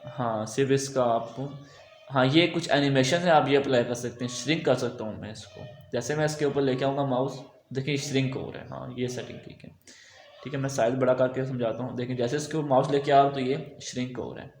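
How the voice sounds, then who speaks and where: A man giving a relaxed, thinking-aloud screen-recorded software tutorial, full of okays and fillers. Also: medium pitch, brisk, echoey room, slight background noise. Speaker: web design tutor.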